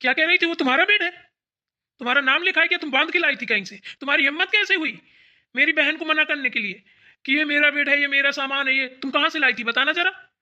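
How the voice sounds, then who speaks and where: Someone doing a protective, scolding elder brother. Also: male voice, extremely high pitch, fast talker, sharp tone, lo-fi sound, heavily acted. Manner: scolding, affectionate to sister. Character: doting elder brother, protective, quick-tempered husband. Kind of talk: cartoon voice acting.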